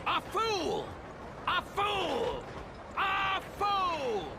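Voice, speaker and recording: An actor playing a pompous, indignant stranger who lectures and scorns in a video game. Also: male voice, mid-range voice, very animated, slow. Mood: scornful. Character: pompous bigoted middle-aged man, ranting stranger. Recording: loud background noise.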